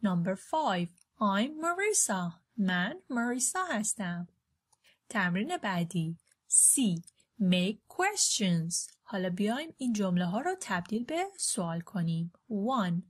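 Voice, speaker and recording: A woman gives a beginner English lesson. She says each English word and sentence slowly and carefully. Between the examples she explains the grammar in quicker Persian. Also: medium pitch, sing-song, slightly rough. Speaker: English teacher. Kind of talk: language lesson.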